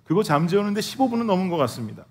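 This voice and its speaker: A man's voice: high voice, big pitch swings, rapid-fire. A male pastor preaching a sermon, telling a humorous family story and speaking directly to his congregation. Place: church sanctuary.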